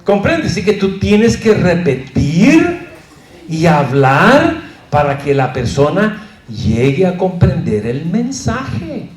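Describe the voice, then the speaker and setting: Un hombre de voz aguda y muy expresiva, que sube y baja mucho el tono. Da una clase de predicación con bromas y preguntas al público. Se oye en una sala con bastante eco. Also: male voice, sits high, takes it slowly. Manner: lively, jokey, asks the audience questions. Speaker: pastor teaching a preaching class. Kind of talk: humorous lecture. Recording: roomy echo.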